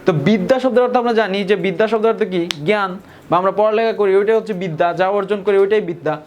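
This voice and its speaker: A young man from Bangladesh, teaching a grammar lesson and often repeating key points and slowing down on example words. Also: high voice, a little mellow. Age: young adult. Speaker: tutor.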